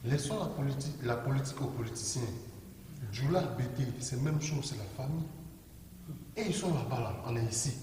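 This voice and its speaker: A man's voice: mid-range voice, fairly quick, a little mellow, a little hiss or hum, close to an everyday voice. An actor playing an easygoing Ivorian man who keeps pleading for forgiveness and peace. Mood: coaxing. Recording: roomy and distant.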